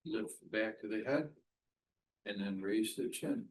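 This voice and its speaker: A man instructing a qigong class, giving measured step-by-step movement cues in short, spaced phrases. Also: lowish voice, a little hiss or hum, low-quality recording.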